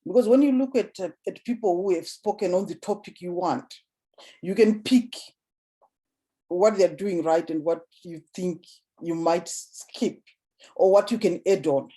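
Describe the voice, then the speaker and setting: Mellow-voiced woman coaching on public speaking. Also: a little slow. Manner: repeats and restarts words, drops voice low then lifts it to demonstrate. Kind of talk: casual spoken advice.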